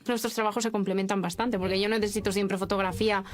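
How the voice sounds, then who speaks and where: A woman's voice: medium pitch, little pitch movement, fast talker, soft background music. A woman from Spain chatting in a friendly way in a played clip. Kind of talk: casual on-camera chat.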